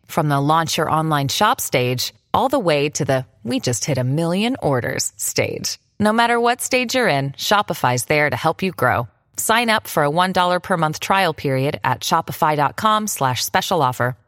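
A woman's voice: low-pitched, a bit bright, no echo, clean studio sound. A woman announcer reading a commercial in an upbeat, playful way. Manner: bouncy, playful phrasing.

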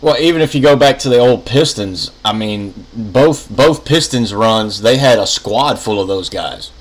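A man's voice: on the low side, animated, unhurried, low-quality recording. A man hosting a sports podcast, speaking in a conversational way. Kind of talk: conversational sponsor read and sports chat.

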